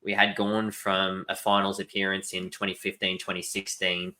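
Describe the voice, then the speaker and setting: Young co-host, very deep and forceful, enthusiastic and jokey. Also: male voice, monotone, normal speed. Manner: enthusiastic, joking. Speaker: podcast co-host. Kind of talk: casual podcast chat.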